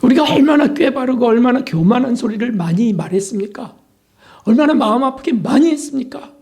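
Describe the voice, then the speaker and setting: Emphatic, mellow-voiced male pastor preaching. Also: extremely high pitch, lively intonation, brisk. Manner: emphatic, questioning, dramatic preaching. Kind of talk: sermon.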